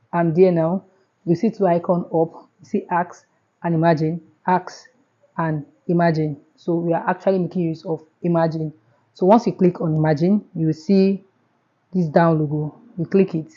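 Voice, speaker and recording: A woman's voice: lowish voice, dark tone, highs cut off. A Nigerian woman with a Nigerian accent, hosting a casual step-by-step screen tutorial and often repeating herself. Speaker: tutorial host.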